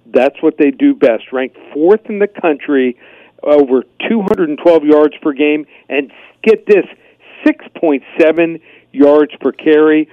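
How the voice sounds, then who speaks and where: A man's voice: a little high, no echo. A man giving sports betting analysis as a guest on a radio show. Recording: slightly dull, dry radio link.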